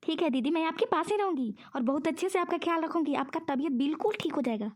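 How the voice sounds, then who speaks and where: A woman's voice: sits high, lively intonation, fast talker, darkish tone. A woman voicing a scheming younger friend who coaxes and tricks in a cartoon. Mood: coaxing. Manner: coaxing, sweetly persuasive. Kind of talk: cartoon voice acting.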